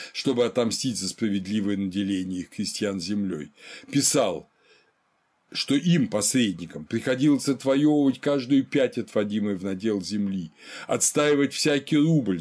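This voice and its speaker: A man giving a history lecture in a measured way, reading quotations aloud within it. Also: on the low side, a little mellow.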